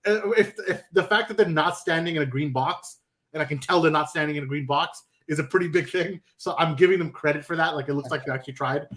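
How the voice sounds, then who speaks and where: A man's voice: on the high side, fast, fairly bright tone. A young man hosting a casual movie chat on a stream, joking and chatty with lots of fillers. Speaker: podcast host.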